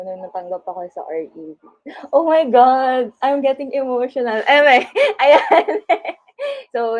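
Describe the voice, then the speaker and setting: A twenty-year-old woman with a Filipino accent, a bubbly guest who laughs often in a casual online interview. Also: lowish voice. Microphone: video call. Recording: dull lo-fi video call audio.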